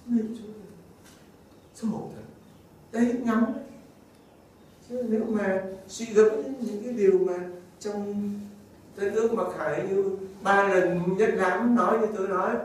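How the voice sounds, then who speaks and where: High-voiced man preaching in an echoey hall. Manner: animated storytelling, chuckles often. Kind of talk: informal sermon with anecdotes. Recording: very echoey room, distant mic, faint noise.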